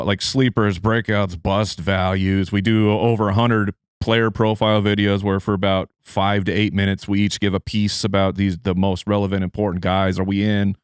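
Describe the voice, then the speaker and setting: A man talks casually as a fantasy football guest, often restarting his sentences. His voice is low and smooth, and the sound is dry and close. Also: steady tone, normal speed, no echo. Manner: loose, filler-heavy, restarts often. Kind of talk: casual interview chat.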